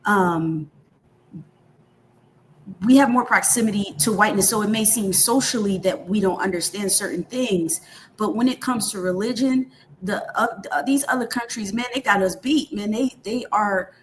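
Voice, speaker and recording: A woman's voice: mid-range voice, moderate pace, a little hiss or hum. A woman on a discussion panel who makes her points in an emphatic, assertive way.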